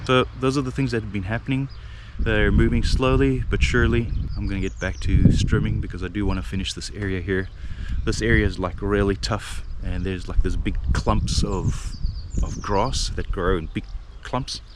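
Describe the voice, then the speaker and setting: A man's voice: fairly low pitch, steady tone, moderate pace, hardly any pauses, background noise. A man from South Africa talking casually with lots of fillers as he vlogs outdoors on his farmland. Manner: rambling, with many fillers and restarts. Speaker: vlogger. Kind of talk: casual outdoor vlog talk.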